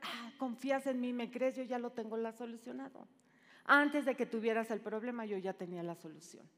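Middle-aged woman preacher, dramatic delivery shifting from loud to hushed, fairly high voice, reverberant church hall. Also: fairly quick. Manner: dramatic, swings from loud calls to hushed shushing. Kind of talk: sermon. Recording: long reverb in a large hall.

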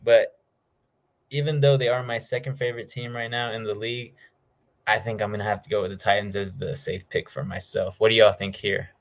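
Low-voiced man hosting casual football talk. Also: flat delivery, fairly quick. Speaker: host of a football picks show. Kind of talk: casual sports talk, game predictions.

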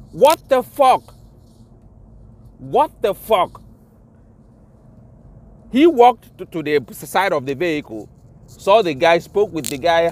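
A man with a Nigerian accent, mixing Pidgin and English in an indignant, impassioned vlog rant, swearing and repeating himself for emphasis. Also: a little high. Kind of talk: ranting vlog monologue.

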